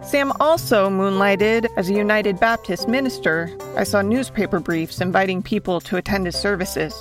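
A woman hosting and narrating a scripted true story in a measured storytelling manner. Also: mid-range voice, over music. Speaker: podcast host and narrator.

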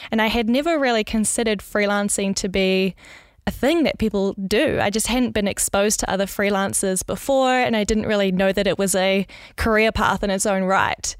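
A young woman with a New Zealand accent talks casually and candidly, peppering her answers with "like". Her voice is smooth and clear. The recording is dry, with no room sound. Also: mid-range voice, moderate pace, no echo. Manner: chatty, candid, frequent "like" fillers, light laughs. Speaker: designer and freelancer, guest.

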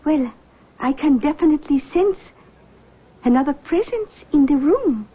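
A woman playing a mysterious, commanding seance medium in a scripted drama, speaking slowly and gravely with portentous pauses. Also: sits high, lively intonation, phone-quality sound. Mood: portentous, mystical.

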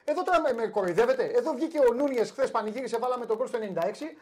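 A man's voice: extremely high pitch, expressive, darkish tone. A man hosting a casual sports talk show, teasing and playful in banter.

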